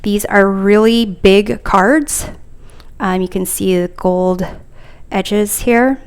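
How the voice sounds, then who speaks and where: Unhurried woman with a smooth voice. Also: mid-range voice, darkish tone. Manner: hesitant, frequent fillers, thinking aloud. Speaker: tarot deck reviewer. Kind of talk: casual unboxing chat.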